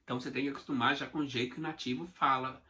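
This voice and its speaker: A man's voice: mid-range voice, steady tone, rapid-fire, pushed and bright. A Brazilian man teaching English in a casual video lesson, chatty and repetitive, talking straight to his viewers. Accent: Brazilian Portuguese. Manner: chatty, repeats phrases, addresses viewers directly.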